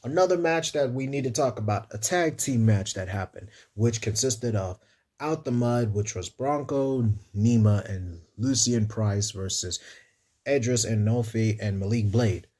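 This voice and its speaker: Male reviewer, dark husky voice, loose and playful solo recap. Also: on the low side, a little slow. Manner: chatty, playful, talks to viewers as "y'all". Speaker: wrestling show reviewer.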